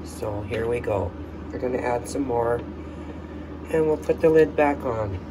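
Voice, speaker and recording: A man's voice: mid-range voice, slow pace. Chatty man vlogging at home, distant mic. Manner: chatty, thinking aloud with fillers. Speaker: soap-making vlogger. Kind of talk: casual how-to vlog. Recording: distant mic, air-conditioner hum.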